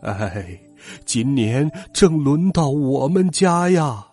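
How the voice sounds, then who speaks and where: A man's voice: mid-range voice, very animated, slow pace, dark tone, slightly rough, faint music behind, exaggerated voice. A man voicing a worried elderly villager in a storybook, drawn out and plaintive. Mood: sorrowful.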